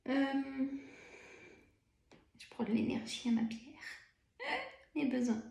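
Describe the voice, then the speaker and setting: Tired woman with a Burgundy accent, slow and chatty card reader, slightly high voice, echoey room. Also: fairly even intonation, gravelly. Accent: Burgundy French. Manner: chatty, filler-heavy, frequent "hein" and soft laughs. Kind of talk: casual card-reading video.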